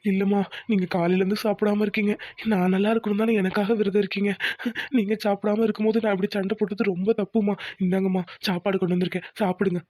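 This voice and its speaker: A woman's voice: mid-range voice, level tone, fast, warm tone, no room sound, natural voice. A woman voicing a firm, protective young husband who lectures and reassures his wife. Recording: dull lo-fi sound.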